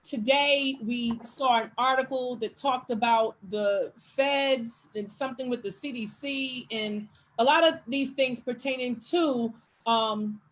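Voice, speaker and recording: High-voiced woman asking hurried questions. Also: a bit bright, poor audio. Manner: hurried, with many ums. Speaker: interviewer. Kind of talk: interview questions.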